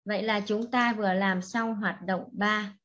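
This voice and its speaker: A woman teaching an English lesson to young children, speaking slowly and patiently and repeating each word for the class to echo. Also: medium pitch, steady tone, a bit bright, highs cut off. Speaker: primary school English teacher.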